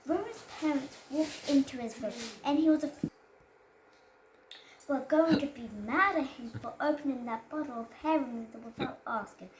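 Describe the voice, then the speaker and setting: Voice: high-pitched, moderate pace. A child reads a children's story aloud, stumbling over words and going back to repeat phrases. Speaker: child reader presenting a storybook. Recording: roomy echo with background noise.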